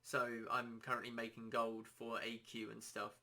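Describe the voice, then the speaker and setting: A man hosting a casual solo podcast, rambling and self-deprecating, his throat a little dry and hoarse. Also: medium pitch, monotone, normal speed, sharp tone. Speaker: podcast host.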